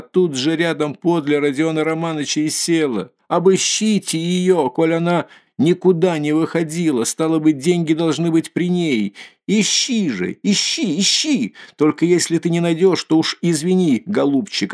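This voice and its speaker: A man reading an audiobook and voicing a hysterical, proud, destitute woman who screams insults in a shrill voice. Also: vocal fry, a little mellow. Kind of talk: audiobook character voice.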